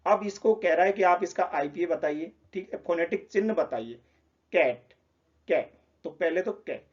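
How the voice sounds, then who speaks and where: A man's voice: sits high, darkish tone, lo-fi sound. A man explaining a lesson, patiently repeating example words. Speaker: teacher.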